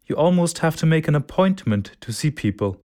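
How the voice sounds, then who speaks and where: A man's voice: fairly high pitch, animated, brisk, dark tone, lightly acted. A man voicing a wistful newcomer from Vietnam. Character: person from Vietnam, missing village neighbors. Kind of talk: scripted testimonial for a listening test.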